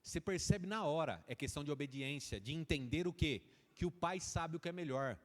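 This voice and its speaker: A man's voice: on the high side, animated, fairly quick. A Brazilian man preaching a sermon in a folksy way, acting out little dialogues between a father and his children. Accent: Brazilian Portuguese. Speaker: pastor. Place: church. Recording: church hall reverb.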